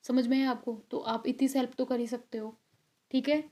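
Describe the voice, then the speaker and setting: Young woman, exam-prep teacher; mellow tone, slightly high but flat delivery, chatty and coaxing. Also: a little fast. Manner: chatty, encouraging, coaxing students; frequent check-ins and fillers. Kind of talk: recorded video lesson.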